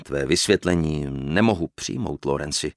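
A man voicing a cautious, reserved country gentleman who speaks slowly and gravely in an audiobook. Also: no echo, studio quality. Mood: grave, hesitant. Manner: slow, low, hesitant and grave. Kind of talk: audiobook character reading.

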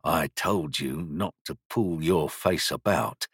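A man voicing a small, round, stern shop master who speaks quietly, gently but sternly, with calm threats and a dry whisper. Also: very deep voice, takes it slowly, slightly rough, no room sound, pitched below the performer's own voice, full character voice.

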